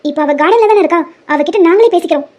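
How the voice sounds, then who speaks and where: A woman voicing a strict middle-aged mother in a Tamil cartoon, sharp and scolding. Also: very high voice, rapid-fire.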